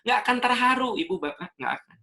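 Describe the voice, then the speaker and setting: A middle-aged man giving an Islamic lecture, animated and fond of acting out what people say. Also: extremely high pitch, fast, creaky. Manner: animated, acts out quoted speech. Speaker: invited Islamic speaker.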